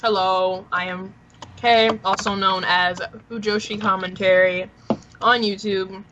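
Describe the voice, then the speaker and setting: A woman's voice: medium pitch, fairly even intonation, measured pace, noisy background. A woman cosplayer and commentator on a podcast, blunt and opinionated. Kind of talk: casual podcast chat.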